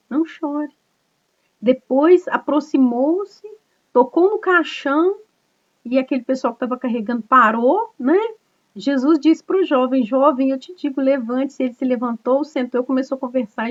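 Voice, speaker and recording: A woman's voice: high voice, normal speed, lo-fi sound. A woman pastor giving an earnest, conversational sermon to an online group, often tagging her points with little questions. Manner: earnest, conversational preaching with frequent tag questions. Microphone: online video call.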